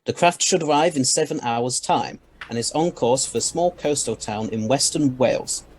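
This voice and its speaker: A man's voice: medium pitch, normal speed, a little hiss or hum, close to an everyday voice. A man playing an eccentric, erudite, unflappable scientist in an audio drama, speaking in a lofty theatrical manner. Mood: calm, intrigued. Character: eccentric, intrigued, unflappable male alien scientist.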